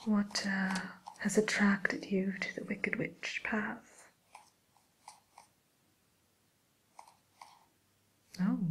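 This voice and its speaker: A woman playing a sly, genteel wicked witch in an ASMR roleplay, speaking in a breathy whisper with polite, coaxing hesitations. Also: medium pitch, darkish tone, rough recording. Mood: sly, probing. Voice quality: breathy whisper, mostly unvoiced. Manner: slow, polite, hesitant, coaxing tag questions.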